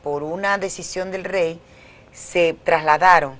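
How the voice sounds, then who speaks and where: A woman's voice: lowish voice, steady tone, a little slow, a bit bright. A middle-aged woman with a Dominican Caribbean Spanish accent, explaining things as an academic guest in a conversational interview.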